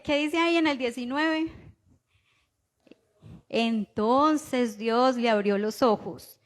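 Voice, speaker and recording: A woman with a Colombian accent preaching a sermon in a conversational way, often checking in with the listeners through quick rhetorical questions. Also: fairly high pitch. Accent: Colombian Spanish. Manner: conversational preaching, frequent rhetorical "¿cierto?" tags.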